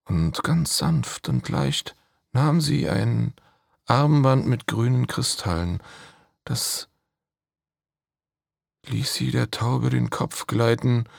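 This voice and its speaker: A man telling a fairy tale in slow, measured narration with hushed dramatic pauses. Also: mid-range voice, lively intonation, vocal fry, no room sound, clean studio sound. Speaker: storyteller.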